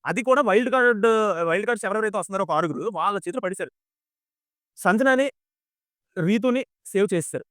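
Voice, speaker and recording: A man's voice: high-pitched, lively intonation, fast, pauses often, a bit bright, no echo, clean studio sound. A man giving casual commentary on a reality show, firing rhetorical questions at his viewers. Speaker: YouTube commentator.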